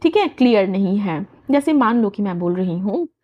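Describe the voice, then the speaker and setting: A woman teaching English newspaper vocabulary, saying English phrases slowly and explaining them in quick everyday speech, often checking that listeners follow. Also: medium pitch, lively intonation, muffled recording. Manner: checks understanding with frequent "theek hai". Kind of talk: bilingual vocabulary lesson.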